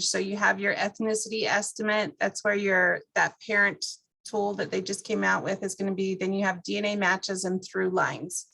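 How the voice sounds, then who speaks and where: A woman with an average-pitched, creaky, slightly bright voice gives an informal walkthrough of a computer program. Like a class presenter, she guides listeners step by step in a conversational, explanatory way, and the recording is rough.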